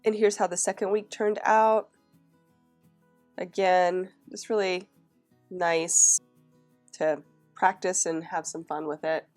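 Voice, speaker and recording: A planner vlogger narrates a casual flip-through, chatting with fillers and restarts, her throat scratchy from a cold. Her voice is lowish and darkish, fairly even in intonation, slow, with frequent pauses, and faint music plays behind her.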